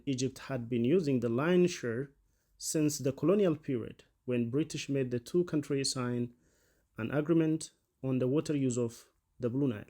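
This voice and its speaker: A man presenting and narrating a scripted explainer in a formal, measured way. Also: mid-range voice, mellow.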